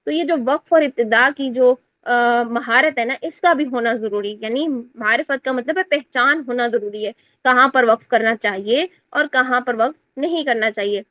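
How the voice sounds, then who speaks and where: High-voiced woman teaching. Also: few pauses, no echo. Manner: explains step by step, asks students to confirm. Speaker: Quran recitation teacher. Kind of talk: class lesson explaining exam answers. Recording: dry, dull lo-fi sound.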